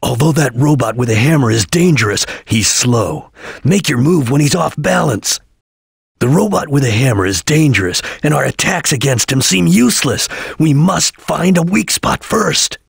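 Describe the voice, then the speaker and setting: A stern, disciplined ninja chameleon from a video game, speaking in tactical, deliberate phrases. The voice is very husky with a gravelly edge, and its pitch swings in a lively way at a middle register. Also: male voice, no room sound, clean studio sound, full character voice. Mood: calm, tactical. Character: serious, disciplined male ninja chameleon detective, cool and tactical. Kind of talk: video game character voice lines.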